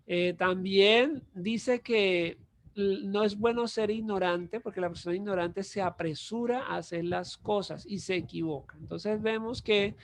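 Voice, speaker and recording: Male Bible teacher with a high, gravelly voice who explains verses patiently and repeats his points. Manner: explains slowly, restates verses, lists steps.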